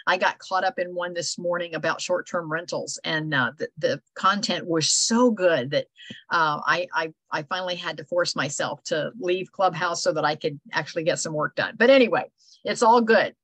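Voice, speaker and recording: A woman's voice: lowish voice, moderate pace, fairly bright tone, dry recording, low-quality recording. Older woman, chatty host, rambling, dry close sound, video call mic. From Ohio. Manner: chatty, rambling, with many fillers and restarts. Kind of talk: casual chat on a video call. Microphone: video call microphone.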